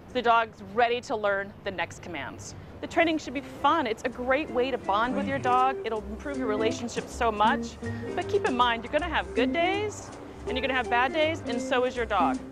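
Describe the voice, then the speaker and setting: A woman's voice: fairly high pitch, animated, normal speed, over music. A middle-aged woman presenting an instructional lesson to camera as a dog trainer, speaking in a firm, emphatic way. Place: outdoors in an open city park. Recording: faint outdoor city ambient noise.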